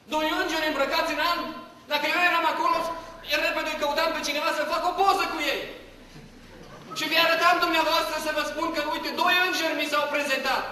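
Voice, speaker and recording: A man's voice: very high-pitched, sharp tone, a little hiss or hum. A man preaching a sermon as pastor, emphatic, with rhetorical questions and repetition. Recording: echoey hall from far off, faint ambience.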